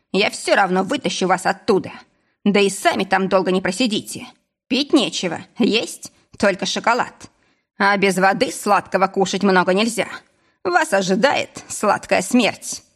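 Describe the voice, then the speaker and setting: A woman reading a menacing male boss who threatens in a husky voice, mock-sweet at times. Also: medium pitch. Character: menacing middle-aged male boss, villain.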